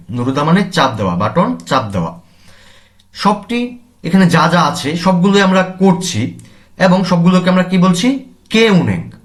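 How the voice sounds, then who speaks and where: A man teaching a language lesson, reading each word aloud and then explaining its meaning and use. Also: on the high side. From Bangladesh.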